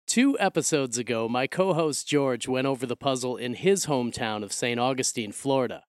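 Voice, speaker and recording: Clear, dry-sounding American man hosting. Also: mid-range voice, normal speed, no room sound. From Milwaukee, Wisconsin, USA. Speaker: podcast host. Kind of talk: scripted podcast narration and co-host chat.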